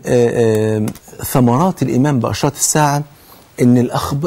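In an earnest religious sermon, a man speaking with an Egyptian Arabic accent uses oaths for emphasis and answers his own rhetorical questions. His voice sits on the high side with a darkish tone.

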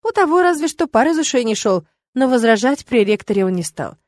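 A woman narrating a first-person audiobook in a lively, expressive way. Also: a little high, brisk, no echo, clean studio sound.

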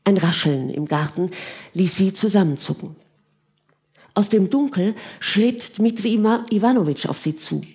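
A woman narrating a novel as an audiobook in a calm, measured way. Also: lowish voice. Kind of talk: scripted narration.

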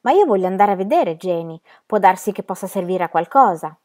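A wary young wife, gentle and hesitant, as a woman reads her lines. She speaks softly, with questions that lift at the end. It sounds like a storybook reading. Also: medium pitch, expressive, a little fast, close to an everyday voice.

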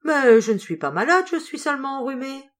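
A woman's voice: high-pitched, sing-song, a little fast, voice pushed up. A woman voicing a stubborn young seamstress who insists and protests, raising her voice a little. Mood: protesting.

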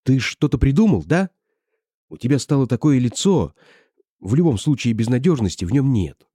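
Gentle earnest young woman, read by a man. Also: medium pitch, very animated, moderate pace, breathy edge, no room sound, studio quality, voice pushed up. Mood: hopeful.

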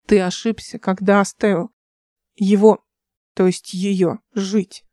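An old male scientist answers in a subdued, pleading voice in an audiobook, as a woman reads his lines. Her tone is warm and mellow, recorded dry and close. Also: mid-range voice, little pitch movement, takes it slowly, no echo, natural voice. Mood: anxious.

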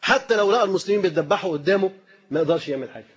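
An Egyptian-accented man delivers a sermon at a rapid clip in a fairly high, husky voice, firing off rhetorical questions and repeating his key phrases. The recording is dull and lo-fi. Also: lively intonation. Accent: Egyptian Arabic. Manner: impassioned, strings of rhetorical questions and repetitions. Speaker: preacher.

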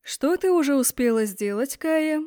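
An icy young lord, as a woman reader puts him on speaks slowly and evenly with a faint mocking edge. The sound is close and dry. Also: sits high, lively intonation, mellow, dry recording. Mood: cool. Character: cool, mocking young male lord, an academy rector.

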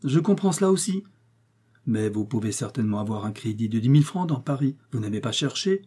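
Voiced in a dark, husky tone, a man plays a shrewd old village mayor from Normandy, blunt and sure of himself. He lays down the law in a gruff, lecturing way. It sounds like an audiobook reading. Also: mid-range voice, expressive, brisk. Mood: stern.

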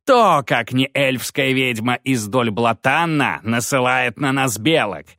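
A male narrator voicing a gaunt fanatical priest who preaches in a slow, drawn-out tirade in an audiobook. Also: mid-range voice, lively intonation, sharp tone, no echo, clean studio sound, voice pushed up. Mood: ranting. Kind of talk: audiobook character voice.

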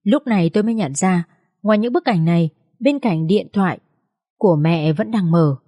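A woman reads an emotional first-person story aloud as an audiobook narrator. Her voice sits low and mellow, and the recording is close and dry. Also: moderate pace, no room sound.

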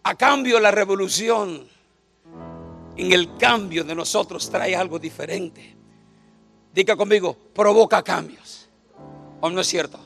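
A man's voice: high-pitched, a little slow, gravelly, long pauses, fairly bright tone, faint music behind. A man, preaching a joking sermon to a church congregation and often calling out to them for agreement. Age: 50s. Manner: joking, calls out to the audience with repeated "right?".

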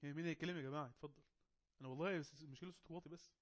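A man with an Egyptian Arabic accent hosts a group video call as the teacher of an English class. He talks very quickly in a fairly high voice, coaxing and teasing students to take the mic. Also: steady tone. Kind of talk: casual online class moderation.

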